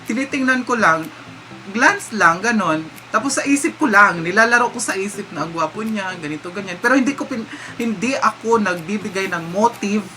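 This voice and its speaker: A man's voice: high-pitched, animated, fairly quick, sharp tone, slight background noise. A man with a Visayan accent chatting casually through a vlog Q&A, giggly and slipping English phrases into his talk. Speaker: vlogger. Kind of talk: casual Q&A chat. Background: background music.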